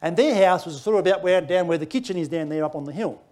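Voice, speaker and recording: A middle-aged Australian man preaching, telling a personal story with lively, laughing delivery. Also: fairly high pitch, quick pace. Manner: animated storytelling, laughing through lines. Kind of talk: sermon testimony.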